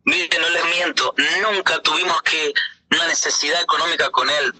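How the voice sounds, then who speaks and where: Bright-voiced earnest male pastor. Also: a little high, fairly even intonation, breathy edge, low-quality recording. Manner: earnest, halting, many hesitations. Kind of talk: personal faith testimony.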